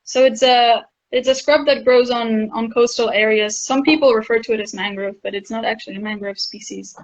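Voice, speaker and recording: A woman's voice: fairly high pitch, steady tone, a little fast. A woman on a research station's staff, answering questions in a casual live Q&A chat and laughing between points. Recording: dull lo-fi stream audio.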